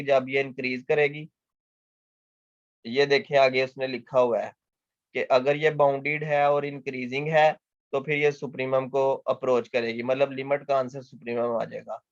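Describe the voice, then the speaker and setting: A man's voice: medium pitch, no echo. Male math lecturer, patient and repetitive, answers his own questions; muffled, dry recording. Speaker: mathematics lecturer. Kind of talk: explanatory lecture.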